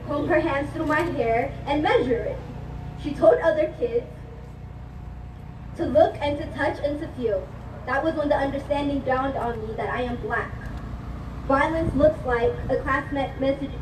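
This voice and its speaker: Young woman student speaker from Ethiopia, high bright voice, impassioned spoken-word delivery, heard from a distance at an outdoor rally. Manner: impassioned, declamatory. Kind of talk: spoken-word protest speech. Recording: echoey, distant, noisy outdoor livestream.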